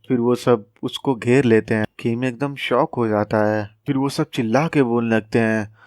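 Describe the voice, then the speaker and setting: A man's voice: mid-range voice, darkish tone, no echo, studio quality. A young man retelling a comic story in casual slangy style, joking asides and acting out the characters' lines. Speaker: manhwa recap narrator.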